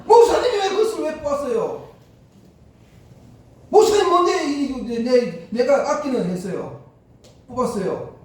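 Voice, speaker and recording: A furious older church deaconess, as a preacher puts her on, shouting indignant complaints in a high, raised voice. The sound carries a heavy echo, picked up from far off in a church hall. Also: lively intonation, measured pace, pauses often. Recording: echoey church hall, distant mic.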